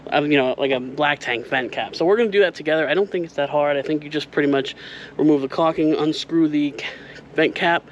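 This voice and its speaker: A man's voice: fairly high pitch, fairly quick, muffled recording. A man hosting a casual, hands-on DIY vlog about RV life, talking to viewers outdoors with noise around him. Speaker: RV vlog host. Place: outdoors at an RV, partly on its roof. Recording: noisy outdoor recording with hum and traffic.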